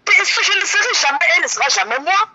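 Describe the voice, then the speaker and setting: A woman's voice: extremely high pitch, brisk, creaky, bright, forceful tone, dull audio. A woman calling in to a live stream, heard over a phone on speaker held away from the mic, scolding and insistent and repeating herself. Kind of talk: heated phone call.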